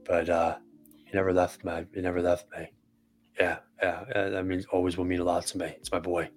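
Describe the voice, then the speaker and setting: Male podcast co-host, very deep and monotone, earnest and emotional, faint music underneath. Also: a little fast. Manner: earnest, emotional, swears casually. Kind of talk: casual heartfelt podcast talk. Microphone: podcast microphone.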